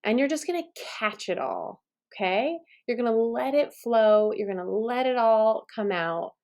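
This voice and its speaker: A middle-aged woman teaching songwriting in a relaxed, chatty way, encouraging and laughing at herself. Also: fairly high pitch, moderate pace, muffled recording. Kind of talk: relaxed instructional talk to camera.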